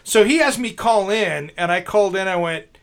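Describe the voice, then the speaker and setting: A man's voice: high voice, animated, normal speed, vocal fry, fairly bright tone. A man hosting a podcast in casual chat, a jokey storyteller who laughs often. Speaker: podcast host.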